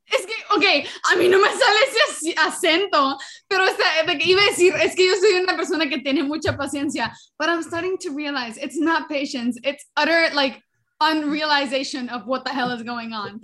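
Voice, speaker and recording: A woman chatting as a podcast co-host, switching quickly between Spanish and English. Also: sits high, pushed and bright. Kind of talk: casual chat.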